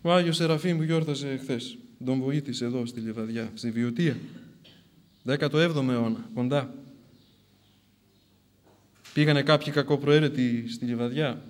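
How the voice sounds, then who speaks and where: A man preaching a sermon, telling a saint's story with swings between loud outbursts and hushed asides. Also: on the high side.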